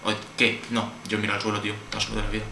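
A man with a Spain Spanish accent narrates his horror gameplay in a jumpy, nervous rush, cursing at every turn. His voice sits well back from the mic in a roomy space. A steady layer of background noise runs underneath. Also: lowish voice, rapid-fire, vocal fry, recorded from a distance. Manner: nervous, jumpy, swears constantly. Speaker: gameplay video host. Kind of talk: horror let's play commentary.

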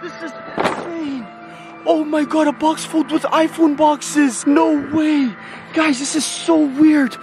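Here a twenty-something YouTuber vlogs with dramatic excitement, gasping and repeatedly saying "guys" to his audience. His pitch is extremely high, yet his pace stays measured. The clip moves from outdoors at night to an indoor room under loud background music.

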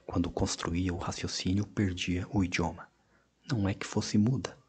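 Male narrator, audiobook, very low voice, measured expressive reading, some hushed passages. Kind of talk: scripted narration.

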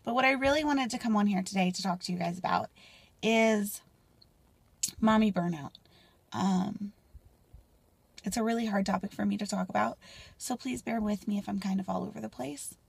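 Gravelly young woman vlogging from a car. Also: medium pitch, moderate pace, long pauses, no echo. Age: 20s. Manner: candid and rambling, drops to soft near-whispers. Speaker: mom vlogger. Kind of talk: casual personal vlog. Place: parked car, indoors. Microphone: phone camera at arm's length.

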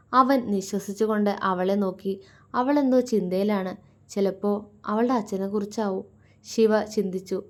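A woman storyteller reading a romance story aloud in an emotive, measured way. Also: medium pitch. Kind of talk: scripted narration of a romance story.

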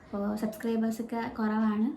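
A woman with a Malayali accent tells a personal story in a casual vlog at home, her baby nearby, recorded on a phone or camera mic in an echoey room with faint noise. Her voice is fairly high, monotone, quick, and dark, and she chats with many fillers and restarts.

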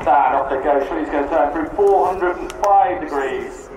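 A man's voice: fairly high pitch, normal speed. A man giving live airshow commentary, explaining the display as he announces it to a crowd. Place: outdoor airfield public address. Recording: echoey distant loudspeaker, loud helicopter noise. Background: helicopter noise outdoors.

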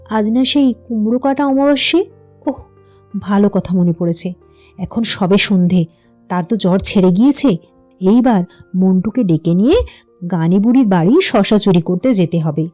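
A woman narrating a classic short story in a calm, even reading voice. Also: mid-range voice, normal speed, faint music behind.

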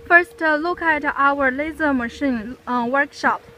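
High-voiced woman giving a slow factory tour. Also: pushed and bright, a little hiss or hum, poor audio. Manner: simple, halting phrasing with pauses. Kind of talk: casual guided tour narration. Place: large factory workshops and yard.

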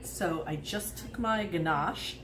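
A woman in her sixties hosts a casual home cooking demonstration, speaking slowly in a voice on the low side, chatty, rambling and often laughing. Her nearby phone records the echoey kitchen, with background noise and a crowd audible behind her.

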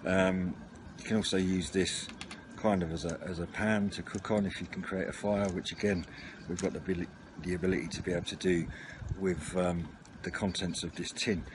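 Seated at an outdoor table, a man records a casual run-through for his video channel on a camera mic, rambling and hesitating a little. His voice is low with fairly even intonation at a normal pace, and outdoor noise fills the home recording.

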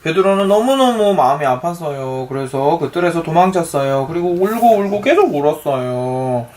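A man's voice: a little high, expressive, normal speed, a little mellow, slight background noise. A father reading a picture book aloud to his young child, patiently asking her questions as he reads.

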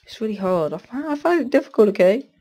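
The boy's high-pitched voice swings widely in pitch as he talks quickly, with a slightly mellow sound. Stuffed up from a cold, he rambles through relaxed game commentary, distractedly breaking off mid-sentence again and again.

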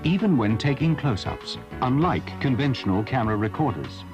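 Man narrating an ad from an old VHS tape. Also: animated. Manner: smooth, measured product pitch. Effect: old VHS tape audio. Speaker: promotional narrator. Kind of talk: scripted ad voice-over. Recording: voice-over over loud music. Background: loud backing music.

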